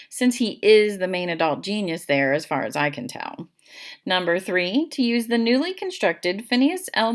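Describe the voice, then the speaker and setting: A woman reading a first-person children's audiobook in an expressive, playful storytelling manner. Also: mid-range voice. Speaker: audiobook narrator.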